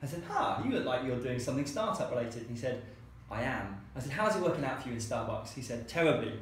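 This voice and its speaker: Very animated and talking fast, a medium-pitched man recounts anecdotes in an interview about founding a co-working space. He keeps it chatty and performs the quoted lines of the people in his stories. The room is very echoey and a faint hiss runs through the recording.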